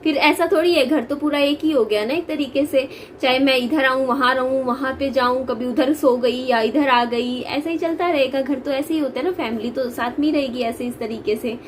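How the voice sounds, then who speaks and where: This vlogger is a young woman whose voice sounds high and bright, and she keeps a steady tone at normal speed with few pauses. She talks chattily to viewers in a casual family vlog, laughing often amid loose, hesitant phrasing, over a faint background hiss.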